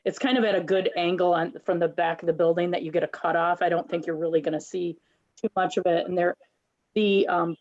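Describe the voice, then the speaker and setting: A woman applicant answering questions at a planning meeting, halting with frequent ums and restarts. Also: fairly low pitch, a little mellow, highs cut off. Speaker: applicant presenting a site plan. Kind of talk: public meeting testimony.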